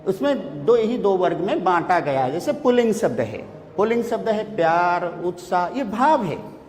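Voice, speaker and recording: A male teacher gives a classroom grammar lesson, naming example words one by one. His pitch rises and falls in a lively, sing-song way. The room is echoey, with a long reverb trailing each word. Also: a little hiss or hum. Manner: lists words one by one with many pauses.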